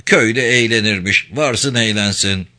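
A man's voice: measured pace, pushed and bright. Man doing earnest young village lad Mustafa. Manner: higher-pitched, earnest, defiant.

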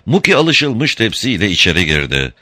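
A man narrating a novel in an expressive storytelling manner. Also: lowish voice, normal speed, no echo, studio quality. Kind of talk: audiobook narration.

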